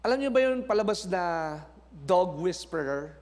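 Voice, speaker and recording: A man from the Philippines preaching a sermon as pastor, mixing two languages and moving between soft prayer and loud, animated preaching. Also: high-pitched, unhurried. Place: church sanctuary. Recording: long church hall reverb.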